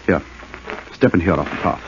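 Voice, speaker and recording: A composed gentleman sleuth talks in a low, expressive voice. He sounds assured and confident, in the manner of 1950s radio drama. The old recording is slightly dull. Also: normal speed, a little hiss or hum. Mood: watchful.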